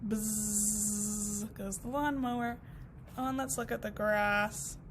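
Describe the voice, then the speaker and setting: A woman teacher reading a picture book aloud to first graders, expressive and encouraging, asking them questions as she goes. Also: a little high, a little slow, slight background noise.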